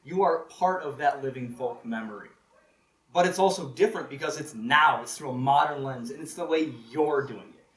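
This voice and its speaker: A man telling folklore stories live at a convention, casual and animated, laughing often and saying "like" a lot. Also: mid-range voice, a little hiss or hum. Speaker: storyteller. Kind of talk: live storytelling talk. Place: convention room, live audience. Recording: ambient roomy live recording.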